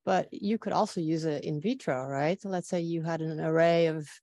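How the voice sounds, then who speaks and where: A woman's voice: deep voice, normal speed, warm tone. A woman scientist asking an informal question from the audience at a conference.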